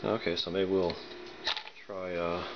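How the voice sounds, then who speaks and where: Unboxing and demoing a product in a relaxed way, a male reviewer with a very deep voice muses aloud, sometimes hesitant as he works. His delivery is flat and measured in pace. Heavy noise runs through the whole dull, lo-fi recording.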